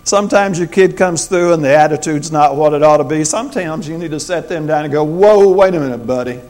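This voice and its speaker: A man's voice: fairly high pitch, steady tone, a little fast. A man in his sixties preaching a sermon as the pastor, in a folksy, conversational way with joking asides. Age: 60s.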